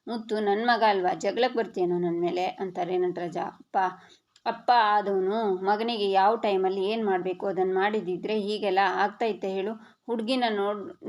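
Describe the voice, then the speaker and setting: A woman narrating a TV serial episode recap, reading every character's lines in an even storytelling voice. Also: medium pitch. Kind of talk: reading a serial recap aloud, voicing all dialogue. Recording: dull lo-fi audio.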